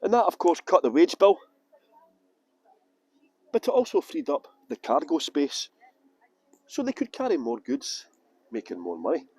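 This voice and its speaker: By a canal boat lift outdoors, a Scottish-accented Edinburgh man guides a tour group with jokey commentary and playful mock pronunciations. His husky, darkish voice sits on the high side with wildly swooping pitch, moving a little slowly and pausing often.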